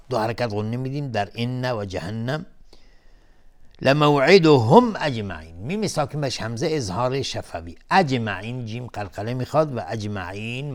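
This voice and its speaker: A man with a fairly low voice leads a televised lesson on Quran recitation. He explains the rules in a measured way, naming each term one at a time. He sets off each verse with a slow chant at a raised pitch. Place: TV studio.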